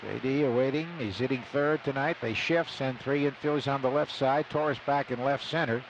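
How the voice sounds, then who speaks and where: An older American man does conversational live radio baseball commentary from a noisy stadium booth, speaking at a moderate pace. Between pitches, he fills the time with stories.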